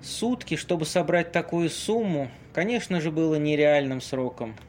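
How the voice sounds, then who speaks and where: In an amateur audio play, a man plays a worldly, theatrical Venetian seducer, his voice a little high for a man, a bit mellow and close to everyday speech. He tells it dramatically with weighty pauses like a seasoned storyteller, over a slight hiss or hum.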